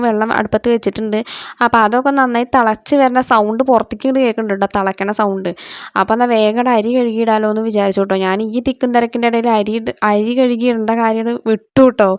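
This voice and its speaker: A woman in her thirties with a Malayali accent, slightly hoarse, chatting through a morning cooking vlog in her kitchen. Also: on the high side, no room sound. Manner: chatty, ends phrases with a soft "tto". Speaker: family vlogger. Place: home kitchen.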